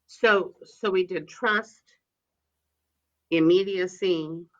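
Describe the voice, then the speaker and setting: A woman's voice: on the low side, drawn-out words, lo-fi sound. A woman who is an instructional specialist, talking as a guest in a podcast interview, chatty and emphatic, telling stories.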